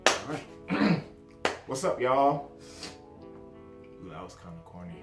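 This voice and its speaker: A man's voice: medium pitch, very animated, slow, echoey room, over music. A man in his twenties from New Jersey, chatting casually to camera in his first vlog, self-deprecating and hopping from topic to topic. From New Jersey, USA. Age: 20s. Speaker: vlogger.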